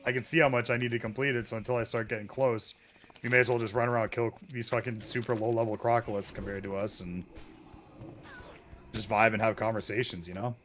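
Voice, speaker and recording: A man's voice: lowish voice, level tone, fairly quick, fairly bright tone, slight background noise. A man who makes online videos, chatting casually while gaming, rambling and swearing freely. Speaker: content creator.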